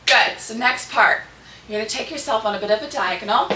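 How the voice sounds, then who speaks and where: A slightly hoarse woman runs a dance tutorial, counting and cueing moves step by step in short, clipped, rhythmic bursts at a slightly fast pace. Her medium-pitched voice sounds distant in an echoey room with noticeable background noise.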